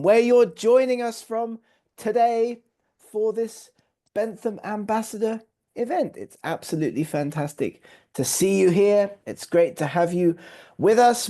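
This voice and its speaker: A man's voice: high-pitched, warm tone. An English man hosting a live online webinar over a video call, upbeat and welcoming, piling on praise words. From England. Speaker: webinar host.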